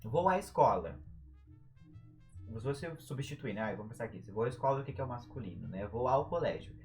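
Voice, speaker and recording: A young Brazilian man with a Brazilian Portuguese accent runs a relaxed live-stream writing lesson. He jokes around, and his pitch swings widely as he talks. He stretches syllables out long to make a point. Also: a little fast, soft background music. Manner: playful, jokey, drags out syllables for emphasis. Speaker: writing tutor.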